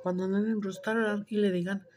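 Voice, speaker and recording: A crude, brash woman vlogger talks fast at a medium pitch with little pitch movement, and there's a little hiss or hum. She's a mukbang cooking vlogger chatting casually while she cooks and eats, loud and crude, swearing freely and switching between Spanish and English.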